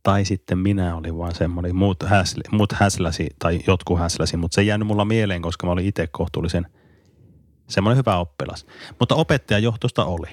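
A man with a deep voice co-hosts a casual podcast. He is recorded dry and close. He reminisces thoughtfully and laughs easily. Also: dry recording. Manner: reflective storyteller, laughs easily. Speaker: podcast co-host, teacher.

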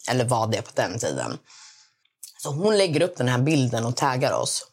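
A woman's voice: extremely low pitch, huge pitch swings, breathy edge. A woman hosting a podcast, chatting casually and bluntly, telling stories with quoted voices. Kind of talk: casual chat.

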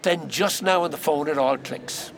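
An actor playing a cocky, wisecracking male pub piano player, telling his story with lively mimicry. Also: on the high side, normal speed.

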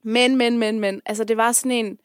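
A woman's voice: fairly high pitch, fairly even intonation, clean tone, no room sound, studio quality. A woman guest and activist talking casually and candidly, often searching for her words. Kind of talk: casual conversation.

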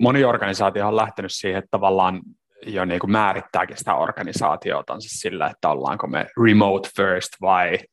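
A man co-hosting a podcast, talking reflectively about workplace culture in a casual discussion. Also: low voice. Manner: reflective, with many restarts and fillers. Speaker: podcast co-host.

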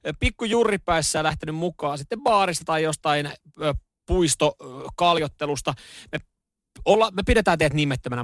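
A man's voice: fairly high pitch, no room sound, clean studio sound. A man hosting a radio morning show, telling stories in casual chat with lots of fillers and restarts. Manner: animated storytelling, acts out shouts in the story.

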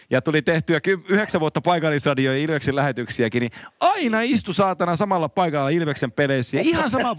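Lively man hosting a podcast. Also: high voice, dry recording, studio quality. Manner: lively storyteller, laughs easily. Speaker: podcast host. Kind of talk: casual chat.

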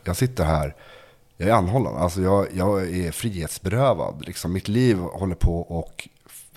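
A young man telling a personal story in a conversation, halting and repeating words, padding with fillers. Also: low voice, expressive, a little mellow. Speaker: guest telling his story.

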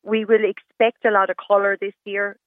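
A woman's voice: mid-range voice, level tone, moderate pace, no room sound. A woman with a west of Ireland accent, speaking emphatically as a guest in a live radio phone interview, often restating points in short parallel phrases. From Galway, west of Ireland. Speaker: interview guest, stylist and fashion competition judge. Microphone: telephone. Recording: muffled narrow-band phone line.

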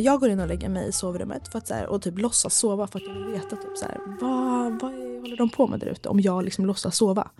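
A woman's voice: medium pitch, darkish tone. A young woman, telling a story in casual podcast chat, acting out quotes and swearing freely.

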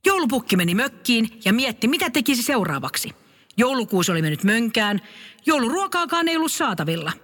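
A woman narrating a comic Christmas story in a calm storytelling manner. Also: a little high, husky, in a large hall.

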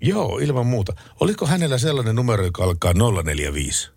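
A man hosting a late-night radio show and chatting in a relaxed way about listener requests and the news. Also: medium pitch, creaky, no echo. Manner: relaxed, chatty and easily amused. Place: radio studio. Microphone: close studio microphone.

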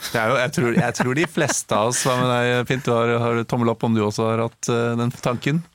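A man's voice: medium pitch, steady tone, a bit bright, clear, resonant tone, no room sound. A man hosting a podcast, chatting in a casual, easygoing way with light jokes. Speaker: podcast host. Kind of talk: casual chat.

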